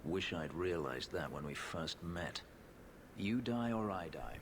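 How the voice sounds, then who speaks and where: A man's voice: deep voice, animated, a little slow. An actor playing a grim man facing a final fight, speaking coldly and bitterly over game audio. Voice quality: cold, bitter. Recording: game audio with background noise.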